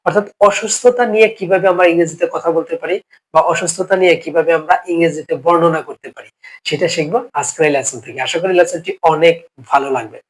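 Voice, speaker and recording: A man's voice: a little high, fast talker, poor audio. A male English teacher who is sick with a cough, giving a spoken English lesson step by step, repeating each phrase and checking in with the learners often.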